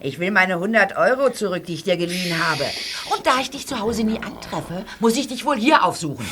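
A woman's voice: medium pitch, expressive, a little fast, noisy background, natural voice. An actress playing a rude, pushy middle-aged woman who scolds and demands her money back. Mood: brusque. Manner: brusque, scolding. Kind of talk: radio play acting.

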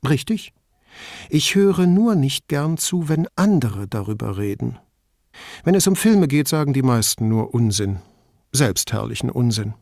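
A man's voice: medium pitch, sing-song, measured pace, creaky, darkish tone, no room sound, pitched above the performer's own voice. A man reading the part of a witty wife who teases her husband in a playful, dry way, in a slightly raised voice. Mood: wry. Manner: wry, playful teasing. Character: witty teasing Italian wife, adult woman.

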